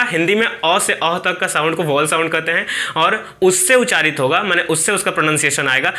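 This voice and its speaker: A man's voice: high-pitched, bright, forceful tone. A man teaching a grammar lesson, explaining step by step and answering his own questions.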